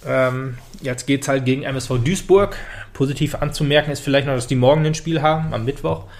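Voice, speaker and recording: A man's voice: medium pitch, fairly quick. A man co-hosting a casual football podcast, talking hesitantly with many fillers and restarts. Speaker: podcast co-host.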